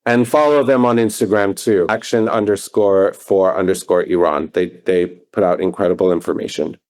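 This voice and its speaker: A man's voice: sits low, steady tone, normal speed, a little mellow. A man, a podcast guest, talking casually with an urging, joking energy.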